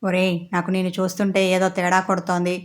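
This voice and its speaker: A woman's voice: lowish voice, monotone, fast talker, natural voice. A woman voicing a menacing male gang leader who issues threats, in a narrated story. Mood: threatening. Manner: threatening, commanding.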